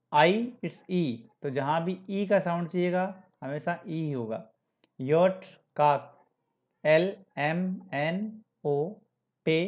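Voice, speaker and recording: A man teaching the German alphabet, spelling out letters slowly, repeating example words and mixing English words into his explanations. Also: fairly high pitch, darkish tone. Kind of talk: classroom-style alphabet lesson. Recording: dull, slightly lo-fi sound.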